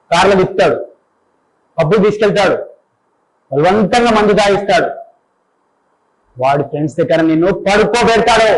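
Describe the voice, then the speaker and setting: A man's voice: sits high, natural voice, rough recording. A man doing a bitter, jilted young lover. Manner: bitter, taunting. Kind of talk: audition monologue.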